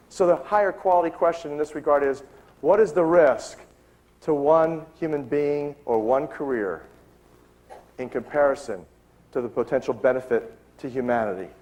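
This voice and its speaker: A middle-aged man speaking to a live audience, telling a story with lively acted-out dialogue. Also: a little high. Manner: animated storytelling, acting out dialogue.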